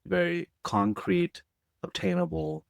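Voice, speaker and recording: A man's voice: fairly low pitch, very animated, slow pace, vocal fry, no echo. Dry, teasing young man co-hosting a podcast. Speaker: podcast co-host. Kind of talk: casual chat.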